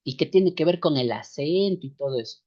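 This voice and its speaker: Slow-lecturing man. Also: on the high side, expressive. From Ecuadorian highlands. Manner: slow, repetitive, rhetorical questions tagged with "no". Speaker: seminary teacher. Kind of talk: online class lecture. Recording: dull lo-fi sound.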